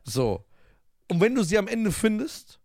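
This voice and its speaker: A man's voice: sits high, big pitch swings, a little slow, darkish tone, dry recording, clean studio sound. A man co-hosting a casual podcast, teasing his friend and acting out film scenes. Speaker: podcast co-host.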